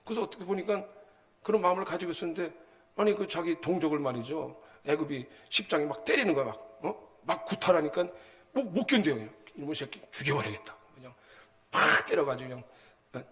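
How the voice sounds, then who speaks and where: Man, pastor, sermon, slightly high voice, animated, chatty asides to the congregation. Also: quick pace. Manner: colloquial and animated, with frequent prompting asides to the congregation; acts out everyday anecdotes with sound words.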